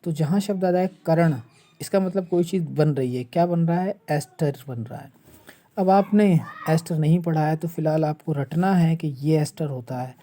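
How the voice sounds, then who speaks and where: Very mellow-voiced chemistry teacher. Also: mid-range voice, moderate pace. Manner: step-by-step, rhetorical questions, restates terms. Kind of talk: explaining a chemistry lesson.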